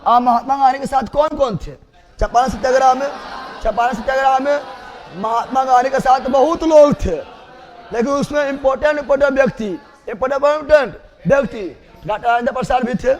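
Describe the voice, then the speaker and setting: Male teacher, very high voice, repetitive drilling lecture style with playful jabs at the class. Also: fairly quick. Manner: repeats key names over and over, teasing the class.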